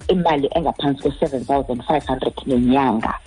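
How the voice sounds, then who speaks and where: A woman's voice: rumbling low, fairly quick, mellow, breathy edge, soft background music, poor audio. A woman with a South African Xhosa accent explaining things as an official in a radio interview, slipping into English phrases. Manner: code-switches into English phrases. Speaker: consumer credit ombud representative.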